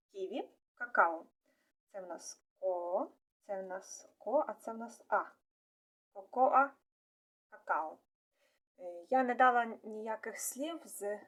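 A woman talks through a home-made language lesson at an unhurried pace, spelling out syllables one by one. She pauses on little fillers and restarts now and then, and her pitch sits in a middle range. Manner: explains step by step, with hesitant fillers. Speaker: language teacher. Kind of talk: casual online language lesson.

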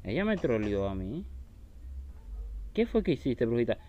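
A man's voice: medium pitch, very animated, moderate pace, mellow, lo-fi sound. A man commenting on a horror game he is playing, taunting the enemy and shrieking when startled. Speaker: gaming YouTuber.

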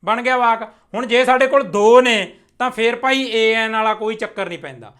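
Young male teacher, high and bright voice, patient step-by-step lesson delivery, slows right down to model example sentences. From Punjab. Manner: slow, deliberate modelling of English sentences, clear step-by-step explaining. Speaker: English teacher. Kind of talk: spoken English lesson explained in Punjabi.

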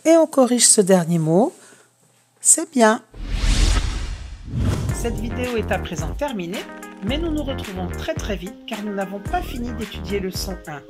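A woman teaching a reading lesson to young children, giving slow, clear, encouraging instructions. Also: mid-range voice, sing-song, over music. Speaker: primary school teacher.

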